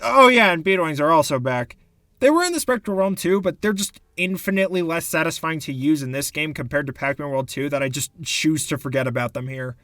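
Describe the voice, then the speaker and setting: A man's voice: on the high side, lively intonation, a little fast, a bit bright, no echo. A man giving sarcastic, exasperated commentary for a video game review essay, into a close mic.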